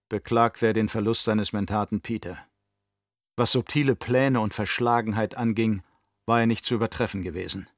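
A man narrating an audiobook in even, measured scripted storytelling. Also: lowish voice, dry recording, clean studio sound.

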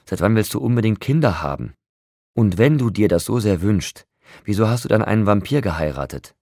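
Male reader as anguished young man, urgent pleading, slightly raised, a little husky. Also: sits low, expressive, moderate pace, darkish tone, dry recording, clean studio sound. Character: young man, upset and pleading, desperate friend.

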